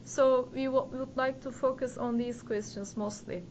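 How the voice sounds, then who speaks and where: A woman's voice: high voice, fairly even intonation, normal speed, a little mellow. A young woman, a student politely interviewing a guest over a video call, with some fillers. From Turkey. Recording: muffled call audio.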